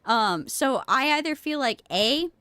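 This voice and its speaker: A woman game streamer with a bit of a cold chats casually, rambling, restarting sentences and easily amused as she comments on a live stream and reads dialogue aloud. Her high voice is expressive, a little slow, pushed and bright, with a clean tone. The dry recording has game music behind her voice.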